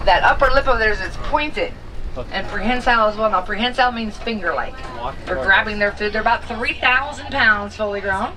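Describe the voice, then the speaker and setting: A woman working as a safari guide, giving live instructive tour narration to a group of passengers. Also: on the high side. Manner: instructive, addresses group as friends. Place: moving open safari truck outdoors. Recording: distant onboard vehicle speaker, loud engine noise.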